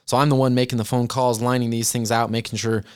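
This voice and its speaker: This young podcast host, in his twenties, talks fast in a medium-pitched voice that's clean, darkish and flat in delivery. Still, his casual motivational chat about goals is earnest and friendly, and he keeps calling his listeners "you guys."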